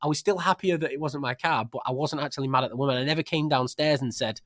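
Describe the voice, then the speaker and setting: Brisk man in his forties, a podcast host who tells rambling, sweary anecdotes into a dry close mic. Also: mid-range voice, no room sound. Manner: animated, swearing storyteller with many restarts. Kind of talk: casual podcast chat.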